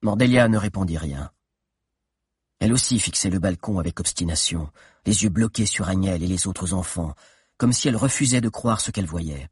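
A man reading a children's adventure novel aloud in a steady, dramatic narration with tense pauses. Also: low-pitched, breathy edge, no echo, clean studio sound. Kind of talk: audiobook narration.

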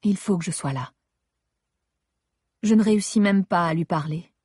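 A woman's voice: fairly low pitch, moderate pace, darkish tone, husky, no echo, studio quality. A woman reading a first-person story aloud in a restrained, intimate manner. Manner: intimate, restrained, rising to distressed pleading in dialogue. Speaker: narrator. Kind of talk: first-person audiobook narration.

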